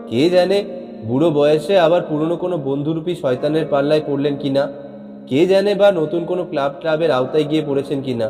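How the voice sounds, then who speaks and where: A man narrating a classic short story in a steady, literary reading manner. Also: a little high. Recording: long reverb, faint background music.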